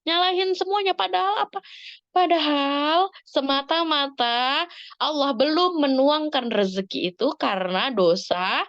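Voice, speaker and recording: A woman speaking to parents in an Islamic study talk, lively and expressive, acting out examples with sudden rises in pitch. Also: no echo, highs cut off. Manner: lively, dramatic shifts in pitch, acts out examples.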